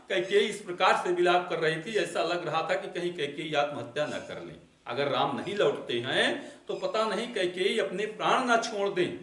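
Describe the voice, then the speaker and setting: A man with a high voice teaches a poetry lesson, reading out each verse and then paraphrasing it, often saying the same point twice. He stands some way off from the microphone in an echoey room. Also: a bit bright, distant mic. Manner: recites lines, then paraphrases them with repetition. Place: classroom or school room. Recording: echoey room, voice away from the mic.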